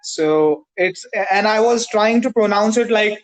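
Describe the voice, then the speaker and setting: A man from Pakistan practicing English over a video call, speaking carefully with many "uh" pauses. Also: sits high, poor audio. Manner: careful, hesitant, frequent "uh" pauses. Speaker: English learner. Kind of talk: conversation practice.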